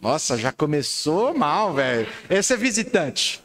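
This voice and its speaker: A middle-aged man with a Brazilian Portuguese accent, preaching a lively sermon and playing a game with his congregation. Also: on the high side, a little slow, slight background noise. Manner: playful, laughing, animated. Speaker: pastor.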